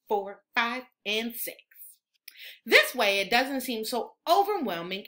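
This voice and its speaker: A female teacher gives an animated picture-book reading for small children. Her bright, fairly high voice rises and falls vividly as she explains things expressively and instructively.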